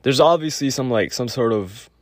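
A man giving a casual spoken lecture with a clogged nose, halting often with fillers and restarts. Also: medium pitch, lively intonation, dry recording, clean studio sound. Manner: halting, many fillers and self-corrections. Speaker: podcast host.

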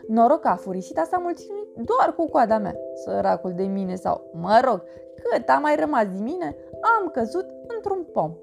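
A cheerful little boy earthworm, as a woman puts him on, brags and tells his storybook adventure. The voice sits fairly high and leaps about with playful energy. Music plays steadily behind him. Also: gravelly. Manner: lively, playful, animated storytelling. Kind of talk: storybook narration in character. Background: background music.

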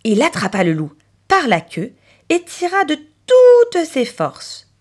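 A woman narrating a children's story in an expressive, animated storybook manner. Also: sits high, slow pace.

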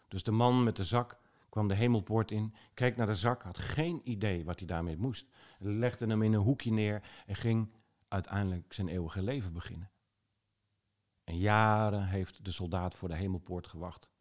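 A man's voice: low voice, a little mellow. A man telling a fairy tale aloud, unscripted, sometimes correcting himself mid-sentence. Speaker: storyteller. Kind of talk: oral fairy tale narration.

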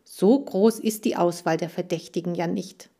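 A woman's voice: on the low side, normal speed, mellow. A woman reading a children's audiobook, voicing a firm, practical girl detective. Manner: firm, matter-of-fact.

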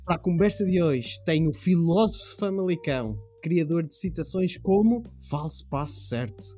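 A man's voice: on the high side, moderate pace, dark tone, faint music behind. A man hosting a casual football podcast with a playful, wordy way of presenting. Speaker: podcast host.

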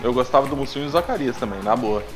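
A man co-hosting a podcast, relaxed and groping for words. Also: mid-range voice, quick pace, loud music behind the voice. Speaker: podcast co-host. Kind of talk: casual podcast chat.

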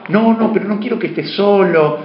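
A man's voice: high-pitched, brisk, pitched above the performer's own voice, lightly acted. A man voicing an overeager male friend who insists and pleads in a raised voice, recorded in a dull, roomy way. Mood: insistent. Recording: dull, roomy lo-fi room sound.

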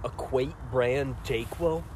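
A man's voice: mid-range voice, slow pace, background noise. A man co-hosting a casual podcast chat, joking and rambling. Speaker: podcast co-host.

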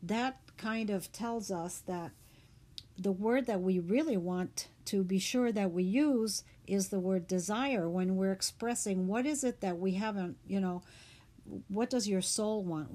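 A woman hosting a reflective talk on the meaning of words, speaking in an unhurried, thoughtful way with fillers. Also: medium pitch, warm tone.

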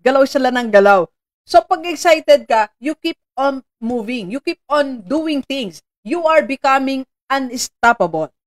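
A Filipino woman hosting a live-streamed motivational talk, chatty and animated, laughing often and greeting viewers by name. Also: high voice, unhurried. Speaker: motivational host.

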